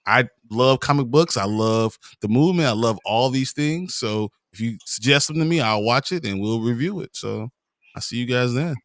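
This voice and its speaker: A man's voice: medium pitch, expressive, moderate pace, a bit bright, no echo, studio quality. A man chatting casually as a reviewer on an online panel. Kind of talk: casual chat.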